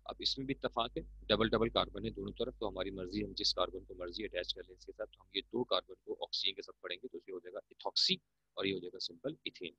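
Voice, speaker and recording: A man's voice: low voice, fast, vocal fry, bright, forceful tone, slightly rough, dry recording. A man with a Pakistani Urdu accent teaching chemistry, explaining patiently and calling his students "beta". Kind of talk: classroom lecture. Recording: muffled, dull lo-fi recording.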